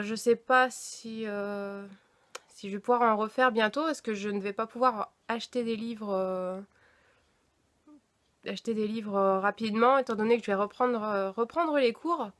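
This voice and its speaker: A young woman casually showing her new books to the camera, chatty and hesitant, often pausing on fillers. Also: fairly high pitch. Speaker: book vlogger. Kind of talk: casual book haul vlog.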